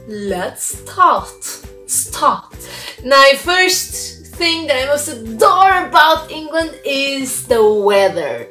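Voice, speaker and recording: A young woman from Portugal chatting excitedly in a casual vlog, full of "like" fillers. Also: on the high side, echoey room. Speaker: vlogger.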